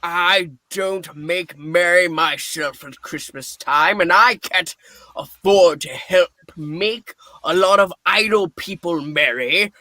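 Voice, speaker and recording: Miserly old male boss for a radio play, man acting: high, bright, slow-paced, irritable and scornful. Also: no room sound, exaggerated voice. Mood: curt, sarcastic. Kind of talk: dramatic play reading, radio-play style.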